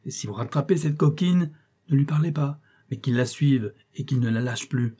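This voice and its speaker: A man voicing an irascible, scheming older male employment agent who switches between smooth courtesy and temper. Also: mid-range voice, normal speed, dark tone, lightly acted. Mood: angry. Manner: shifts from bland courtesy to bursts of temper.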